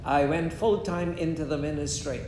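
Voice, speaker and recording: A man, preaching in short measured phrases and pausing after each one for an interpreter. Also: fairly even intonation. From Guyana. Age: 70s. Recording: echoey room with a faint rumble.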